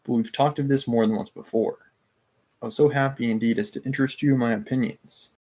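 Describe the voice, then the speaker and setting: Man reading a smooth scheming older nobleman, suave and pushy, mid-pitched voice. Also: fairly even intonation, a little fast, darkish tone, natural voice. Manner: suave, pleading and insistent.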